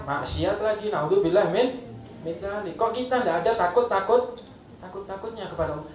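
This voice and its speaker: A man preaching a sermon, emphatic and repetitive, often checking that the listeners understand. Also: sits high. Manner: emphatic, repeats key phrases, asks the crowd "paham ya?". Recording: roomy echo, distant mic, faint ambience.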